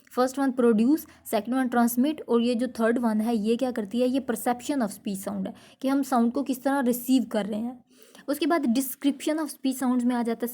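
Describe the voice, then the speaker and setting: A woman teacher giving a lecture. She explains in Hindi, slowly reads out English definitions and often checks in with her listeners. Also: on the high side, dark tone. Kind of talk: classroom lecture.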